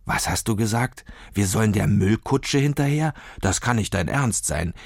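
A man's voice: fairly low pitch, expressive, normal speed, creaky, no room sound, studio quality. A man reading a children's story aloud, voicing a young girl who sounds doubtful and reluctant.

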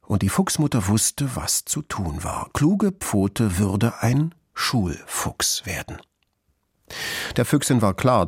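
Man, storybook narration, husky, dry, soft music under. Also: lowish voice, no echo. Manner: lively, expressive reading.

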